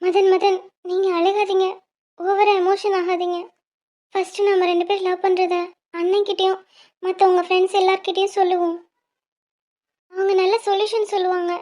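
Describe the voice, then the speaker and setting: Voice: very high voice, little pitch movement, moderate pace, pauses often, darkish tone. A woman voicing a cautious, sincere young college student in a cartoon, reasoning earnestly and pleading through tears. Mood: soothing.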